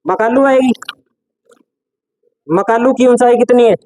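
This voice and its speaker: Male teacher dictating notes slowly. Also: extremely high pitch, darkish tone, dry recording, rough recording. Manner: repeats key phrases slowly for note-taking. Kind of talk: classroom lecture dictating notes.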